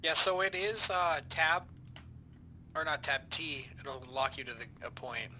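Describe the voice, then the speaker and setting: Bright higher-voiced man in game chat. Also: a little slow, slight background noise, rough recording. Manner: informative, hesitant with fillers. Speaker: squad member in team game. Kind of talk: gaming voice chat.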